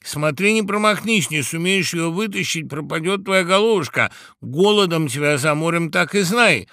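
A rowdy storybook crowd of tipsy birds shouts in high, bright, excited cries, as a male narrator puts them on. The voice swoops wildly, loud and jolly. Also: normal speed, no echo, studio quality. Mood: teasing. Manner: shouting, boisterous.

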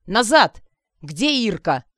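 A woman reading an audiobook voices a desperate young drunk man who shouts and shrieks in anger. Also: mid-range voice, lively intonation, measured pace, no room sound, studio quality, close to an everyday voice. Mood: furious. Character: young drunk man threatening to burn himself.

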